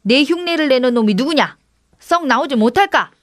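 A woman's voice: medium pitch, normal speed, darkish tone, no room sound, clean studio sound, natural voice. A woman voicing a poor, kind young woodcutter who talks earnestly and exclaims aloud.

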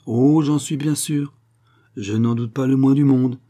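A man's voice: medium pitch, steady tone, unhurried, mellow, pitched above the performer's own voice, lightly acted. A man voicing a proud, wounded young aristocratic widow who speaks in a pleading, bitter way. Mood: bitter, wistful.

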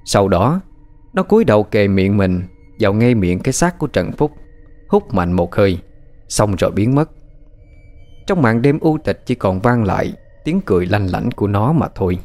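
Lively low-voiced man telling horror tale. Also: moderate pace. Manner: lively, dramatic storytelling. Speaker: storyteller. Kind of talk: scripted horror narration. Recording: faint music behind.

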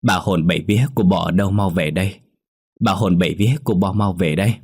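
A serious older village woman, steady and solemn, as a male storyteller voices her. She speaks in a grave, murmuring way, low and husky. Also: quick pace. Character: grave old village woman performing a folk ritual.

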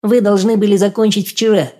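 A man voicing an eerie, detached mutant infant creature with a thin, squeaky, childlike voice in an audiobook. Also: fairly quick, natural voice. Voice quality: squeaky, piping. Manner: flat, detached, terse. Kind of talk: audiobook character voice.

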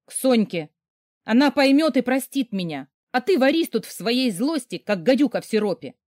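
A woman reading an audiobook, voicing the narrator's hysterical young sister with a shrill, yelling delivery. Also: very animated, normal speed, dry recording, clean studio sound. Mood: defiant.

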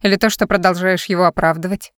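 A woman's voice: lowish voice, steady tone, fast talker, no echo, clean studio sound, lightly acted. A woman reading the lines of a harsh, accusing young man in an audiobook. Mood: angry. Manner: blunt, harsh questioning.

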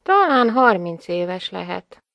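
A proud, aloof offworld lady in an audiobook, a lowish voice that speaks slowly and formally. The reading is hesitant and reserved. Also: very animated, creaky, no room sound, highs cut off. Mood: musing.

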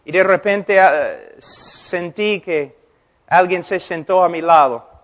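A middle-aged male pastor delivers an impassioned sermon in a notably high voice. He takes his time, speaking slowly and deliberately, and slips into changing voices as he acts out conversations.

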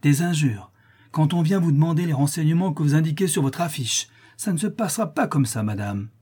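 A man's voice: fairly high pitch, lively intonation, fairly quick, dark tone, slightly rough, pitched above the performer's own voice. A man voicing a naive, pompous middle-aged busybody man who speaks sententiously. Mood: indignant. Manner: sententious, indignant.

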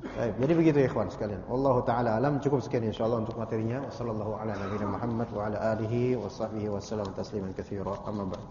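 A man teaching an Islamic study lecture, animated and joking, with frequent rhetorical asides to his listeners. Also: on the low side, racing. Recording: echoey hall, dull lo-fi, faint noise.

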